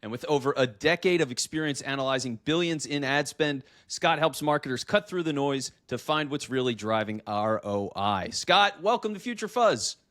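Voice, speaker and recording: A man's voice: medium pitch, moderate pace, few pauses, a bit bright, dry recording. Polished radio-voiced man host. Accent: neutral American broadcast. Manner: polished radio-style delivery, upbeat. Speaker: podcast host. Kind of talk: podcast interview.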